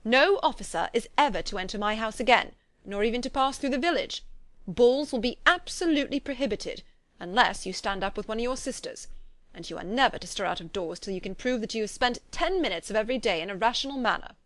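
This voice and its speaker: A woman reading the part of a dry, teasing older gentleman, a father who speaks slowly and mock-sternly. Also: on the high side, animated, no echo, lightly acted.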